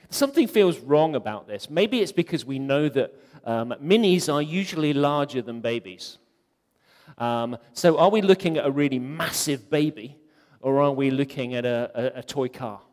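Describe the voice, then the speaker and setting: This conference speaker has a mid-range, slightly mellow voice and keeps things chatty and jokey, with plenty of ums. His talk covers web design, delivered in a conference hall with a long reverberant tail.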